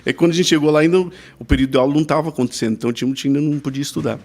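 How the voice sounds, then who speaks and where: A Brazilian man who works as a pastor spins an anecdote on a podcast, his voice sitting a touch high with a gravelly, creaky edge. He talks casually, ends many sentences with a questioning "né?", and slips into the voices of the people he quotes. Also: rapid-fire. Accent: Brazilian Portuguese. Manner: lively storyteller, mimics the people he quotes, frequent "né?" tags.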